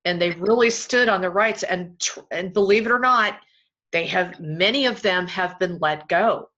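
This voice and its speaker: A woman's voice: on the low side, moderate pace, fairly bright tone, lo-fi sound. A woman hosting a casual interview, speaking emphatically and addressing the audience. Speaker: host.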